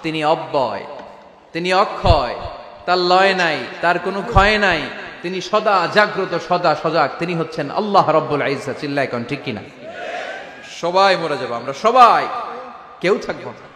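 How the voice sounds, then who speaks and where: A man preaching a fiery sermon, swinging from low, hushed lines to loud shouts and chanted recitation, and calling out to the crowd. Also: normal speed, a little hiss or hum. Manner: calls out to the crowd. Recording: echoey hall with long reverb.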